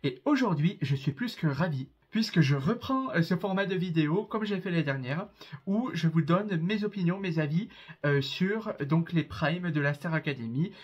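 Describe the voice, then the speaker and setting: A man's voice: a little high, animated, moderate pace, husky, highs cut off. Chatty young man with southern French accent. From southern France. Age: 20s. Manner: chatty, many hesitations and fillers. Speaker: reaction video creator. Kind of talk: casual chat to camera.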